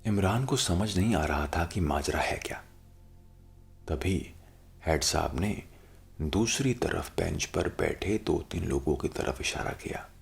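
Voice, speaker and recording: Deep, unhurried, gravelly male storyteller. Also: lively intonation, faint music behind. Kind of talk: dramatic scripted story narration.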